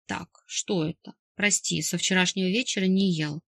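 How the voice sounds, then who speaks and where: A doting middle-aged father, voiced by a woman reading an audiobook, who fusses and coaxes yet snaps into gruff orders. He sounds stubborn and protective, used to being the boss. The recording is dry and close, with no room sound. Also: lowish voice, fairly even intonation, normal speed, fairly bright tone, dry recording. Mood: coaxing. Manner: coaxing and fussing, turning gruff and commanding. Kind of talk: audiobook character voice.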